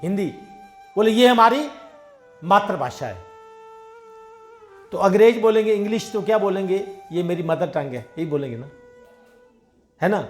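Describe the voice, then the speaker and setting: Here a satsang preacher with a high, expressive voice talks at normal speed, pausing at length, over soft background music. His devotional sermon unfolds as everyday parables in a conversational style, dialogue performed in his own voice.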